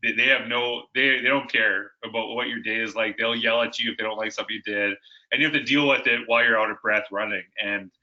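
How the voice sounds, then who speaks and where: Man with a very bright voice. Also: mid-range voice, lo-fi sound. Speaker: guest, educator and author. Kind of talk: conversational interview.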